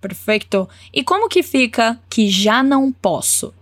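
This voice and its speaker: A woman's voice: on the high side, very animated, dry recording. Encouraging woman teaching Spanish phrases. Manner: encouraging, models phrases slowly and clearly. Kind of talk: language lesson with repeat-after-me drills.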